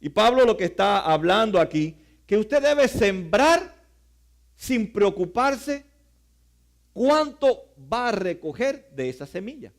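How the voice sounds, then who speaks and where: A middle-aged man preaching a sermon as pastor, earnest, with quiet asides. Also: sits high, very animated, slow.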